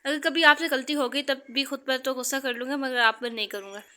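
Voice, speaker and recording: A woman voicing a gentle, patient young husband who speaks softly but firmly, in an audiobook novel reading. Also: fairly quick. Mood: tender, firm. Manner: soft, low-key and calm yet firm.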